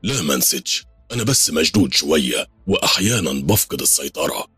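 A man with an Egyptian accent voicing a calm, reassuring male jinn king. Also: a bass voice, fast, breathy edge, no room sound, faint music behind, exaggerated voice. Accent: Egyptian Arabic.

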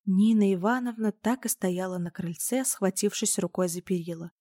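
A woman narrating a storybook with a steady, expressive reading. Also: medium pitch, normal speed, dry recording, clean studio sound. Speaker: audiobook narrator.

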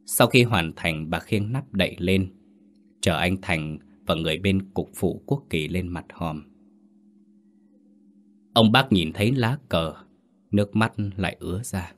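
A male storyteller reads a ghost story in a measured, somber way. His voice is very low and steady, with an even reading pace. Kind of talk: scripted ghost story narration.

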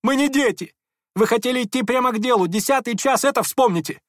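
Визгливого юношу. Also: male voice, very high voice, quick pace, no room sound, studio quality, voice pushed up. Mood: shrill. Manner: shrieking, strained. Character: shrill, touchy, sickly young man. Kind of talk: audiobook character voice.

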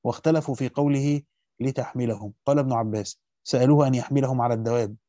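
A man reading a classical Quran commentary aloud as a teacher, at a rapid steady pace that slows to stress key words, with brief comments of his own. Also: medium pitch, no echo, muffled recording.

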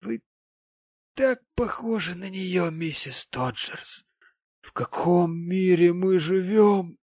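A man voicing a tipsy, tearful, sanctimonious widowed gentleman, talking in a maudlin, slurred, pompous way in an audiobook. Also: sits high, takes it slowly, dry recording, studio quality, pitched above the performer's own voice.

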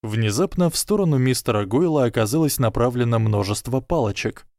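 A man narrating a story aloud in a lively, expressive way. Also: medium pitch, fairly quick, no room sound, clean studio sound. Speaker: audiobook reader.

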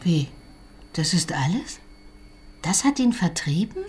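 A woman's voice: on the low side, sing-song, slow pace, darkish tone. A detached female police officer asks cool, probing questions in a radio drama. Faint noise hangs behind her voice.

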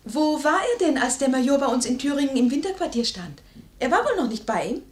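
An actress playing a quick-witted, sharp-tongued young maid in a classic radio play, with pert, tart retorts. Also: female voice, high-pitched, expressive. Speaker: lady's maid. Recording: roomy studio echo.

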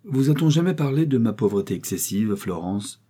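A man's voice: medium pitch, expressive, moderate pace, mellow, slightly rough. A man voicing a poor young baronet who passionately declares his love in a read-aloud novel, in a pleading, ardent way.

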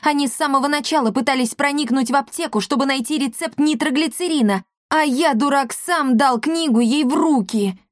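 A woman's voice: high voice, brisk, few pauses, no echo, studio quality, voice pushed up, close to an everyday voice. A woman voicing a flustered, lovestruck young man who is out of breath. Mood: agitated.

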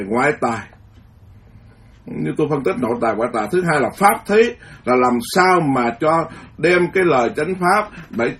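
A man, a Buddhist monk giving a dharma lecture in an emphatic, repetitive way, often restarting his words. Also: on the high side.

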